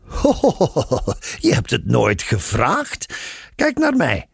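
A man's voice: low voice, sing-song, slow, vocal fry, darkish tone, breathy edge, dry recording, studio quality, heavily acted. A man voicing a playful, patient nun who teases knowingly. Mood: teasing. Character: teasing, patient older nun, woman.

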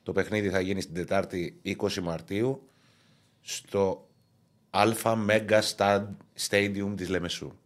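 A man's voice: deep voice, fairly even intonation. A man, co-hosting a casual sports betting podcast, reading out club news and then bantering. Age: 30s.

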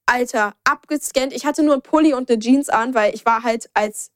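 A woman's voice: a little high, normal speed, no echo, clean studio sound. A young woman hosting a podcast, chatting casually and acting out the voices of the people in her stories. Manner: animated storyteller, acts out quoted dialogue. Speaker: podcast host. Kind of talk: casual chat.

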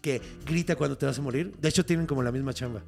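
A man's voice: medium pitch, quick pace, vocal fry, faint music behind. A young man with a Mexican accent, casually explaining folklore on a podcast, full of slang and swearing. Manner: slangy, swearing, explains myths with bursts of laughing shouts. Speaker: podcast co-host telling folklore.

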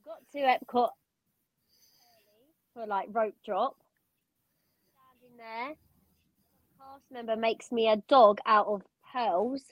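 Casting: female podcast co-host, higher voice, dry close sound, animated storyteller. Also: takes it slowly, pauses often, dry recording, highs cut off. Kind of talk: casual chat.

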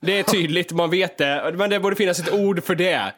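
A man chatting loosely with a friend, his voice sitting a little on the high side. He gets worked up and swears often, voicing his own muttered complaints as he tells a story. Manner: animated, swears freely, acts out his own inner talk. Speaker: podcast co-host. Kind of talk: casual chat.

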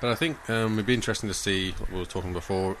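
Fast-talking Australian man, blunt footy chat. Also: fairly low pitch, fairly bright tone, slight background noise. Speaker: sports podcast co-host. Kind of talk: casual football chat.

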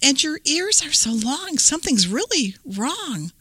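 A woman's voice: high-pitched, sing-song, unhurried, bright, forceful tone, no room sound, studio quality, pitched above the performer's own voice, heavily acted. A woman voicing a plucky young girl who has trained as a ninja, in an eager, questioning voice. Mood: puzzled.

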